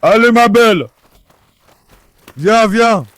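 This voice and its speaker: A young man casually vlogs from his backyard pool, calling his dogs and coaxing them affectionately. His voice sits high and is expressive but slow.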